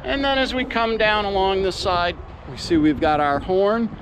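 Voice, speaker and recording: A man's voice: normal speed, background noise. A man giving an upbeat salesman's walkthrough tour of a boat, outdoors at a marina. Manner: upbeat salesman pitch, pointing out features.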